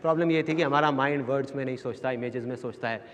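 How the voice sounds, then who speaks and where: This seminar speaker has a mid-range, slightly bright voice and a quick pace, captured in dull audio. He motivates the crowd through stories, mimicking the people in them and repeating his main lines, as a long hall echo and a faint audience sit behind him.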